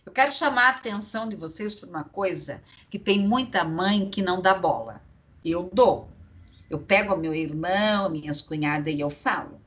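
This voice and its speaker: A woman's voice: lowish voice, expressive, normal speed, fairly bright tone. A woman giving an online psychology lecture, chatty and digressive, tagging her sentences with little checks to the class. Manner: chatty, digressive, tag questions.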